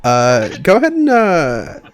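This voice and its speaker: A man's voice: fairly high pitch, wildly swooping pitch, a little slow. A man working as game master, improvising casual narration and joking with the players in a laid-back way.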